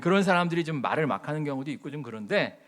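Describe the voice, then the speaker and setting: A man's voice: fairly high pitch, animated, racing, a bit bright. A middle-aged man preaching as a pastor, telling stories with folksy humor and acting out the quotes in his sermon.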